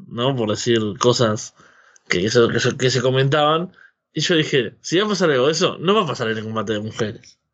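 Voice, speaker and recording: A man with a Rioplatense Spanish accent talks casually as a podcast host. His tone is sharp and bright at a medium pitch, and he rambles, checking for agreement as he goes. The microphone sounds a little lo-fi. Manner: rambling, seeking agreement with frequent tag questions. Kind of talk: casual opinionated chat about wrestling.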